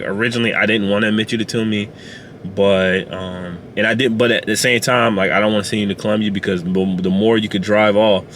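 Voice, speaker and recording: A man sharing a personal testimony in a car, speaking haltingly with many fillers and restarts. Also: low voice, a little hiss or hum. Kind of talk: emotional personal storytelling. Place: inside a parked car.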